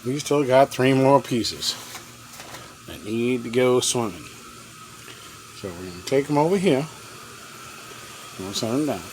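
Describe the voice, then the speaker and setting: A folksy man with a mid-range, slightly mellow voice chats through a casual cooking vlog in a camper kitchen with a propane cooker, sometimes talking with his mouth full. His delivery is animated but a little slow, with long pauses. The noisy home video picks up boiling water and frying.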